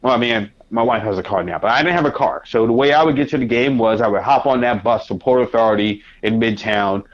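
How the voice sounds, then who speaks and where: A man, a podcast guest and sports writer, telling animated anecdotes in a conversational way. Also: mid-range voice, fast talker, hardly any pauses, highs cut off. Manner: animated anecdotes, acts out his own past reactions. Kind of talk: conversational storytelling.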